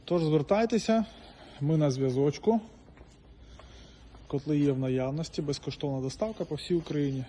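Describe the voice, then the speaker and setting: A man's voice: a little high, moderate pace, pauses often, mellow, slight background noise. A man giving an informal product walkthrough, addressing viewers directly, with frequent hesitations. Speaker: salesman presenting a boiler.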